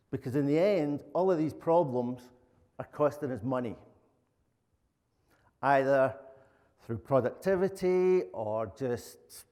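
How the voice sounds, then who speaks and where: Speaking in a medium-pitched, slightly mellow voice, a middle-aged Glaswegian man presents at a conference in an informal, plain-spoken way. He's a lead software architect from Glasgow, Scotland, and the indoor conference room has long, echoey reverb.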